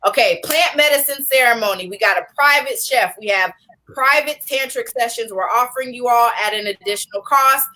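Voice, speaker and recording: A woman co-hosting a casual livestream chat, presenting a retreat schedule in a relaxed, joking way. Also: a little high, fairly quick, rough recording.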